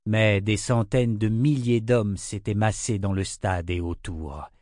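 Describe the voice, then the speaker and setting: A man reading a fantasy audiobook in a measured, steady narration. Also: fairly low pitch, no room sound, clean studio sound.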